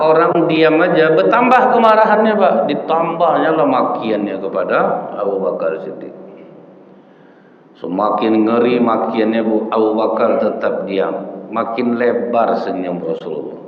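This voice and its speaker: Echoey Indonesian preacher. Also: male voice, medium pitch. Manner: storytelling, addresses the audience with repeated asides to the men and women. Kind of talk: sermon. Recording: echoey hall, dull lo-fi sound.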